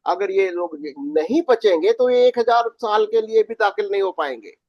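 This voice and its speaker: A man's voice: sits high, lively intonation, normal speed, dry recording, dull audio. A man teaching a Bible study as pastor, mixing in English words and often restarting his phrases.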